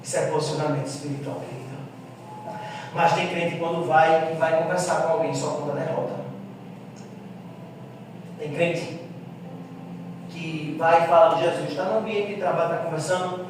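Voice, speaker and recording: A man preaching a sermon, impassioned, swinging between hushed and loud. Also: fairly high pitch, fairly even intonation, moderate pace, pauses often, a little hiss or hum. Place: church hall. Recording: echoey church hall, mic far off.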